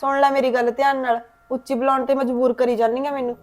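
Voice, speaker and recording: An actress with a Punjabi accent playing a bossy older sister-in-law who scolds and snaps irritably. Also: female voice, high-pitched, flat delivery, fast talker, soft background music, natural voice. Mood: scolding.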